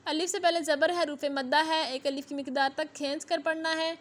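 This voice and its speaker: Woman, high voice, bright tone, teacher spelling out recitation syllable by syllable. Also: fairly even intonation. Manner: draws out syllables slowly, explains rules briskly. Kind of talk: slow spelled-out tajweed lesson.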